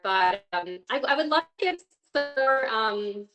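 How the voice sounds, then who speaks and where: A woman's voice: fairly high pitch, lively intonation, measured pace, dull audio, music in the background. A woman presenting a career workshop over a video call, her connection choppy and her audio cutting in and out so the volume rises and drops. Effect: choppy audio cutting in and out, uneven volume. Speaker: career coach and program manager.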